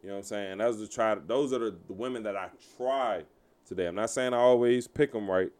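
A man in his thirties with a smooth, resonant voice that sits fairly low. He talks frankly and with emphasis, swearing freely in a relaxed podcast conversation. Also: fast talker. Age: 30s. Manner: candid, profane, emphatic, trailing filler phrases. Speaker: podcast co-host and DJ. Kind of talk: casual podcast chat.

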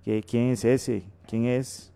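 A man's voice: mid-range voice, little pitch movement, takes it slowly, creaky, warm tone, clear, resonant tone. A man co-hosting a radio Bible teaching, exhorting listeners with long runs of repeated phrases. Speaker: radio co-host. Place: radio studio.

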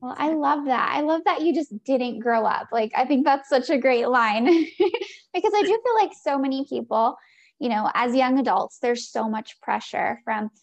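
A woman's voice: high-pitched, moderate pace, lo-fi sound. A woman hosting a podcast interview, upbeat and effusive. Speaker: podcast host.

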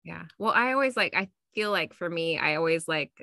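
A woman's voice: fairly low pitch, expressive, brisk, creaky, pushed and bright, no echo, clean studio sound. A woman co-hosting a podcast in casual, chatty, self-deprecating talk, recorded in a closet on her own podcasting mic. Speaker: podcast co-host. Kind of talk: casual chat. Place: small closet at home.

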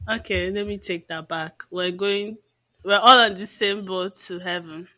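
A woman's voice: medium pitch, fairly even intonation, measured pace, sharp tone. A woman co-hosting a podcast in casual chat, bantering and laughing often. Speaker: podcast co-host.

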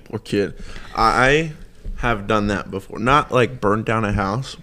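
A man's voice: fairly low pitch, slow, pushed and bright. A young man co-hosting a podcast, telling stories in a laid-back, rambling way and saying "like" a lot. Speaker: podcast co-host. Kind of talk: casual chat.

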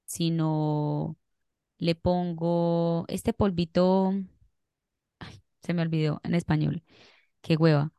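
A woman's voice: sits low, level tone, slow, long pauses, warm tone, smooth, dry recording, clean studio sound. A young woman with a Colombian accent, chatting casually as a podcast co-host, rambling and laughing as she tells stories. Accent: Colombian Spanish. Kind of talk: casual chat.

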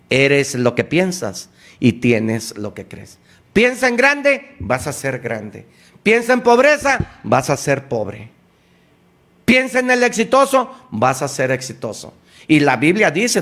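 A man giving a motivational talk, driving points home with emphatic, repeated exhortations. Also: medium pitch. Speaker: motivational speaker.

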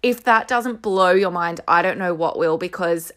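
A woman's voice: fairly low pitch, moderate pace, a bit bright. A woman hosting a solo podcast, talking earnestly and encouragingly to listeners, recorded at home with headphones used as the mic. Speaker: podcast host and coach. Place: room at home. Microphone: headphones used as microphone.

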